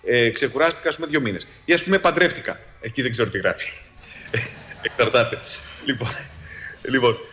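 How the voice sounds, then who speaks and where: Speaking to an audience, this psychologist narrates a story in an animated way, restarting frequently and pausing often. His pitch jumps abruptly whenever he voices quoted lines.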